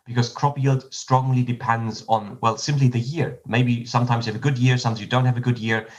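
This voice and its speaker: A man's voice: medium pitch, steady tone, brisk. A German-accented man answers podcast questions as a startup's chief, working through technical points with many restarts and fillers. His voice sits in a middle register. The audio is slightly dull. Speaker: startup CEO guest.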